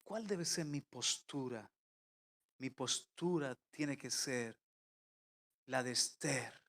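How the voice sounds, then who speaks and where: A man preaching a sermon as pastor, swinging between loud emphatic calls and quiet intimate asides. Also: medium pitch, slow pace. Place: church.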